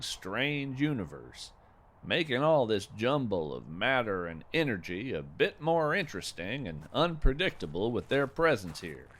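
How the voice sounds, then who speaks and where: A man hosts and narrates a scripted fiction podcast as a gentle, whimsical naturalist marvelling at strange creatures. His medium-pitched storytelling monologue is folksy and reflective, full of wonder, with deliberate phrasing.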